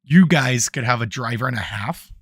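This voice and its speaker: This man's voice is medium in pitch, slightly rough, and paced normally, with no room sound on his new desk microphone. Running a tabletop game, he narrates casually and rambles through ums and restarts, fading in and out as he moves around.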